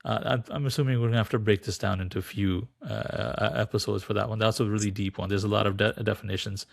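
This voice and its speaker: A man's voice: fairly low pitch, fast, creaky, no room sound, clean studio sound. A man speaking as a podcast guest, explaining spiritual teachings and telling a parable, acting out the voices in his story. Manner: animated storyteller, acts out quoted voices.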